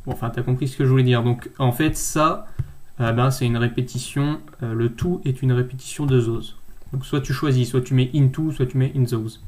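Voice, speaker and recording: A nursing thesis tutor corrects a student's abstract during a casual screen-share session, addressing the viewer directly and hesitating often. His voice is medium in pitch and steady in tone, a little dark, and he talks at a moderate pace.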